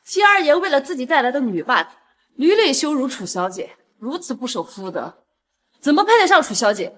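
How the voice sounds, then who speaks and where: A woman's voice: high voice, very animated, fairly quick, fairly bright tone, a little hiss or hum. An actress playing a snobbish young woman who talks in a sneering way. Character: catty, snobbish young shop girl.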